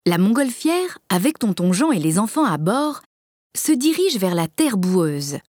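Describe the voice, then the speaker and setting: A woman reading a children's story aloud with clear, measured storytelling. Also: medium pitch, big pitch swings, darkish tone, dry recording, clean studio sound. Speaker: narrator.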